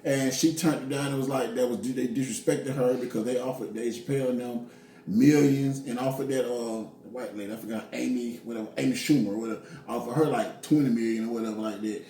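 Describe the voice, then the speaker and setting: A man's voice: mid-range voice, fairly even intonation, quick pace, dark tone. A man co-hosting a casual commentary chat, joking and rambling with many restarts. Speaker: co-host. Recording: echoey room, mic at a distance, faint noise.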